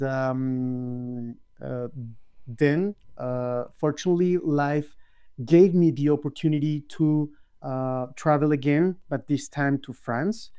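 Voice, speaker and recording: A man's voice: on the high side, dark tone, clear, resonant tone. A man, a guest speaking over a video call, thoughtful and full of hesitant ums. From Colombia. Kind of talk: casual interview chat.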